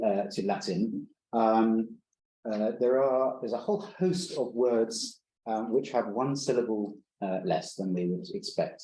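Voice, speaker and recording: A man gives an academic conference talk in a lecture room, his voice lowish and mellow. He speaks hesitantly, with frequent fillers and restarts. The sound is roomy, with faint background noise. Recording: roomy lecture hall recording.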